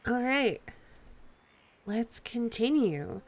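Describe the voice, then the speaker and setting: Female game streamer, high and very animated, playful casual chat, faint music bed. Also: very slow. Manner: playful, chatty, sing-song greetings. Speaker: live streamer.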